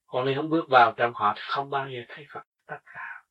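Husky-voiced man preaching in a distant, lo-fi recording. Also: mid-range voice, quick pace. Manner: earnest teaching with rhetorical questions. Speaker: spiritual teacher. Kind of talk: sermon.

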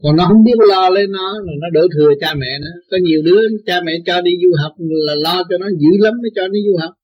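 A man with a Southern Vietnamese accent teaches his followers in a blunt, folksy way, full of anecdotes. His voice sits a little high and sounds husky. The recording is dull and lo-fi. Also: fast. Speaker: spiritual teacher. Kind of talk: informal religious talk to followers.

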